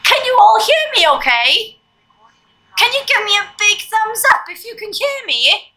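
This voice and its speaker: Woman playing a bubbly Christmas elf fitness coach for kids: very high, squeaky, slightly hoarse, unhurried. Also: big pitch swings, bright, forceful tone, heavily acted. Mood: cheerful. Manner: chirpy, coaxing, talks to the children. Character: cheery female Christmas elf, bubbly and playful. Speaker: fitness instructor. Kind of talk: children's online exercise class.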